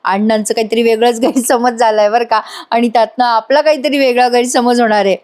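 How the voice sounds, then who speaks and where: A woman narrates a playful, chatty recap of a soap episode in a fairly high voice. She retells each scene and acts out the lines along the way. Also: steady tone, fairly quick, darkish tone. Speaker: serial reviewer.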